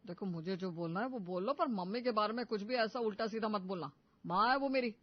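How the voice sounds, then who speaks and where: A woman voicing a dutiful husband and loyal son in an animated story, who talks in a firm, dismissive way at a lowered pitch. The sound is dull and lo-fi. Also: fairly quick, close to an everyday voice.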